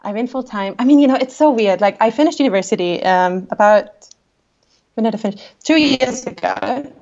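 A woman in her twenties from Austria, whose accent blends Austrian with a New Zealand tinge, chats as a travel photographer guest on a podcast, often laughing and restarting her sentences in the casual interview. Her voice is a little high, brisk and darkish, with vocal fry, and the audio is dull.

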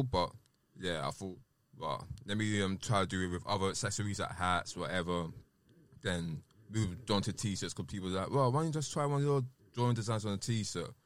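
Man, deep low voice, South London roadman accent, podcast guest, informal rambling street-slang chat. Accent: South London, urban roadman. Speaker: podcast guest, rapper and producer.

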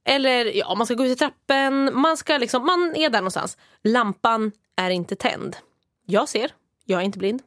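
A woman's voice: a little high, no echo. A young woman co-hosting a podcast in casual chat, telling stories and acting out what people say. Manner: animated storytelling, acting out quotes, frequent laughter. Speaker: podcast co-host.

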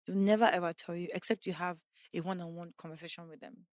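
Her voice is on the low side and quick, captured in studio quality without echo. In her 20s, she's an animated podcast guest in casual conversation, performing the voices of those she quotes.

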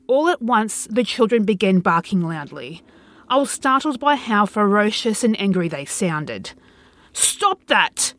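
A woman narrating a first-person horror story in an expressive reading. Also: mid-range voice.

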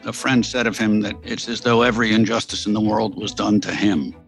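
A man's voice: on the low side, fairly even intonation, brisk, faint music behind, poor audio. A man, a historian guest, explaining history in a casual, enthusiastic storytelling way with fillers. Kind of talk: interview explanation.

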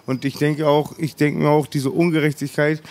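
A man's voice: fairly high pitch, level tone, normal speed, a little mellow. A man chatting casually, rambling and talking over the others. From Germany. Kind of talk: casual chat.

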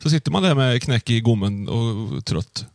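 An easygoing male radio host in relaxed chat, agreeing often and reading out listener rhymes. His voice sits in a middle pitch. The recording is dry and close to the mic. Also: gravelly, dry recording. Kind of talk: casual chat.

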